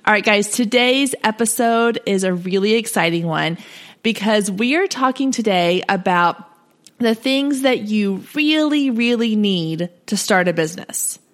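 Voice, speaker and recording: A woman's voice: mid-range voice, expressive, unhurried. Woman podcaster, scratchy cracking voice. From Texas, US South. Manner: chatty, upbeat, informal. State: scratchy sore throat, voice cracking. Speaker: podcast host. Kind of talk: casual solo podcast talk.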